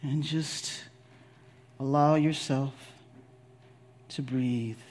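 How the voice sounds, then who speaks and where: Guy doing guided meditation, really slow and soft-edged, lots of pauses, soothing and affirming. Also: medium pitch, fairly even intonation. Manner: affirming, gently instructive. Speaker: spiritual leader guiding a meditation.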